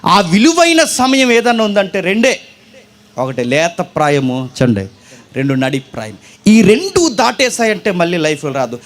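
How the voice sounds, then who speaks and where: Male preacher, high voice, storytelling sermon style with questions to the crowd. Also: sing-song, moderate pace. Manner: storytelling, asks the audience questions, wide swings in loudness and pace. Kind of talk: sermon to young people.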